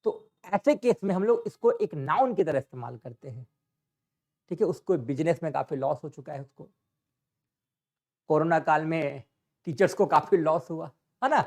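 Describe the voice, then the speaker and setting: A man teaching English grammar in a classroom style, often asking a question and answering it himself. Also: high voice. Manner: repetitive, asks and answers own questions. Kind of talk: classroom explanation.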